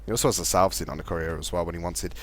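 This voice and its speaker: A man casting a live video game match, fast play-by-play with a fairly steady delivery. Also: low voice. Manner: fast, chatty play-by-play talking to co-caster; calls his own voice monotone. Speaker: esports caster.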